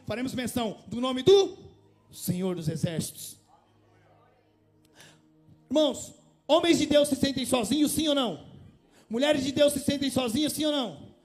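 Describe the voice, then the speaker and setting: A man preaching a conversational sermon in a church, asking his congregation rhetorical questions and rising to passionate appeals. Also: extremely high pitch. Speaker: pastor.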